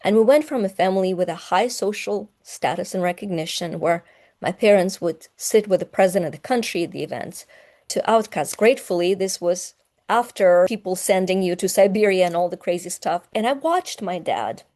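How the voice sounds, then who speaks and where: A woman's voice: on the low side, a little fast, a little mellow. A woman in her fifties, from Ukraine, telling personal stories as a podcast guest in an earnest, heartfelt way. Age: 50s. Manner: earnest and heartfelt, choking up at times. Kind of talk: emotional personal storytelling.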